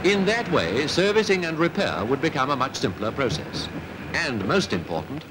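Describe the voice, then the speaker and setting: A man, narrating a 1950s newsreel in a crisp, declamatory announcing manner. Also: mid-range voice, sing-song, normal speed, noisy background.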